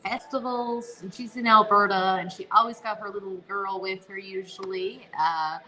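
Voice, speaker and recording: A woman's voice: medium pitch, fairly even intonation, moderate pace, bright, forceful tone, poor audio. A woman from Newfoundland with a Newfoundland accent, chatting casually and enthusiastically as a guest co-host. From Newfoundland, Canada. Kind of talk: casual chat.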